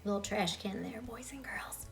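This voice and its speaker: A woman storyteller reads a children's story expressively, speaking directly to young listeners. Her voice is medium-pitched with vocal fry, at a moderate pace.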